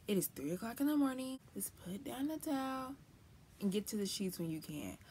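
A woman's voice: on the high side, expressive, fairly quick, dark tone, a little hiss or hum. A woman and new mother vlogging about motherhood in a candid, chatty way, with folksy phrases and emphatic lifts. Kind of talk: personal casual vlog talk.

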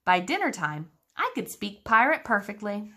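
A woman's voice: mid-range voice, sing-song, normal speed, a bit bright. A woman teacher reading a children's book aloud, engaging her young listeners with questions about the pictures.

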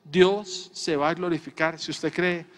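A man's voice: a little high, steady tone, a little slow, a bit bright, long reverb tail. A man preaching a sermon as a pastor, from Colombia, stressing points by repeating his lines. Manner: emphatic preaching with repeated refrains. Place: church.

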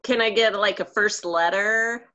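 Hesitant bright-voiced woman guessing. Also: mid-range voice, measured pace, lo-fi sound. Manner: hesitant, full of ums while thinking. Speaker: quiz contestant. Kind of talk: casual quiz chat.

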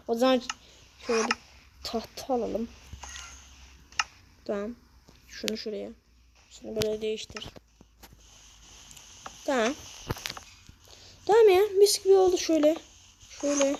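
A woman's voice: on the high side, background noise. Woman muttering through Minecraft builds. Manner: muttering to herself, adding sound effects. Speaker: Minecraft video creator. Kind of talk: casual gameplay commentary.

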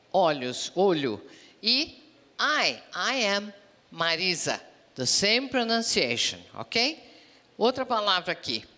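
Slow, lively Brazilian woman teaching English. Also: mid-range voice, long reverb tail. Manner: slow, clear modeling of English words for repetition. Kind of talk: bilingual pronunciation lesson.

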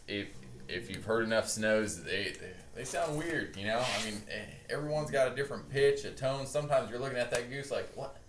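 A young man giving a casual, laid-back and reassuring how-to talk as a hunting-call instructor. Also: on the low side. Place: garage with boat and hunting gear. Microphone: camera a few meters away. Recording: echoey garage, noticeable background noise.

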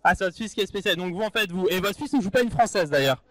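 A man's voice: high voice, lively intonation, fast, a bit bright, dry recording. A man commentating a live chess event, bantering and joking with members of the audience over a handheld microphone.

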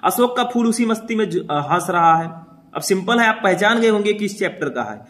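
A young male teacher with a slightly high-pitched, expressive and fairly bright voice walks his students through an exam paper. He moves briskly but reassuringly, calling the students "brother" and checking in often with a quick "okay" or "theek" to keep the class going.

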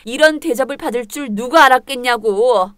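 A woman voicing a harsh, scornful older mother-in-law in a dramatized story reading, speaking in a sharp, belittling way. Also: high-pitched, normal speed, clear, resonant tone, no room sound, clean studio sound. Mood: complaining.

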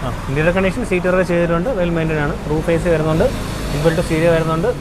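A man's voice: a little high, steady tone, racing. A Malayali man hosting an unscripted car walkaround, asking questions and mixing English car terms into his Malayalam. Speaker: car vlog host. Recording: noisy outdoor car lot ambience.

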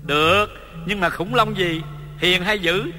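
An actor playing a playful, joking old grandfather, in a stage comedy sketch, talking in a teasing, excitable way. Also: sits high, measured pace. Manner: teasing, excitable, laughs a lot. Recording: long hall reverb, music behind.

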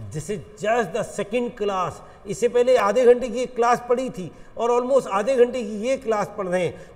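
A man with an Indian accent, teaching a chemistry lecture in an animated, coaxing way and addressing students as friends. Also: high voice, in a large hall. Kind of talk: classroom lecture.

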